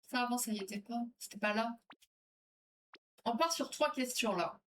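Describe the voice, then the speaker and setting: With slight background noise, a distant mic, and music behind, this French livestream host speaks a little high and fairly bright at a moderate pace. She's chatty and rambling, reading viewer comments and quiz questions aloud.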